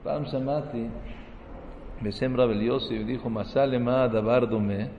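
A man's voice: mid-range voice, fairly even intonation, a little slow, reverberant, big-room sound, dull audio, a little hiss or hum. A man giving a sermon as a rabbi, mixing Hebrew terms into his talk and building to emphatic, rising peaks.

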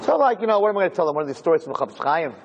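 Animated rabbi, fairly high male voice. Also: racing, lo-fi sound, slight background noise. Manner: emphatic, asks the audience many rhetorical questions. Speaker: rabbi giving a class. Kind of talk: informal Torah lecture. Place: lecture room with an audience.

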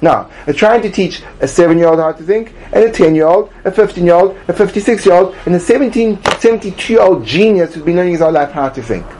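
A man teaching a Talmud study class, emphatic and animated, acting out little voices to make his points. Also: high voice, quick pace, few pauses, a little hiss or hum. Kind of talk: classroom lecture.

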